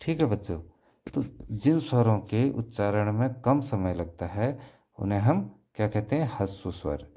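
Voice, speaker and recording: A man's voice: lowish voice, expressive, dark tone. A man teaching a grammar lesson to children, repeating each point and asking questions that he then answers himself. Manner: slow, repetitive, asks and answers own questions. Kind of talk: classroom lesson explaining grammar.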